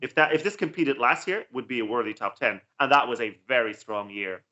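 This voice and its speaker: A man co-hosts a casual reaction chat, laying out opinions in an analytical way. His voice is bright and forceful, and he often repeats words as he gathers a point. The recording sounds dull and lo-fi. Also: medium pitch, brisk. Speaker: co-host reacting to songs.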